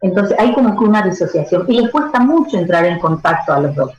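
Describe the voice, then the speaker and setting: A woman's voice: lowish voice, animated, quick pace, a little mellow, roomy sound, poor audio. A woman giving expert advice as a radio interview guest, explaining with everyday analogies. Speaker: stress management educator.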